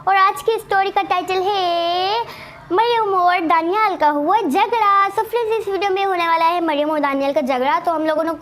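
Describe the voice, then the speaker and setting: A woman's voice: extremely high pitch, fairly bright tone, slight background noise. A young woman hosting her gaming channel, giving a chatty, casual intro to a story video. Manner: chatty, mixes in English greetings.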